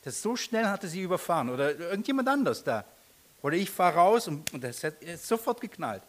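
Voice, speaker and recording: A man's voice: high-pitched, big pitch swings, a little fast, a bit bright, slight background noise. A middle-aged man, telling a personal story in a sermon, often restarting and laughing at himself.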